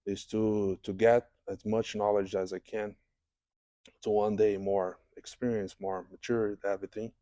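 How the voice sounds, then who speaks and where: A man from Brazil speaks English, his voice low-pitched and warm. He feels his way through each answer, doubling back on words and filling pauses. The studio sound is dry and close. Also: flat delivery, dry recording. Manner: halting, many restarts and fillers, non-native English. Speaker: jiu-jitsu head instructor, guest. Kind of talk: interview answers. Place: podcast studio.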